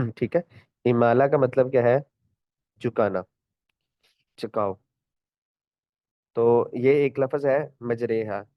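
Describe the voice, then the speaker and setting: A man's voice: mid-range voice, slow pace, long pauses, no echo, highs cut off. Patient man teaching Quran recitation. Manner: patient, repeats each point, stretches out recited words as examples; clears throat often. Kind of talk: online tajweed class.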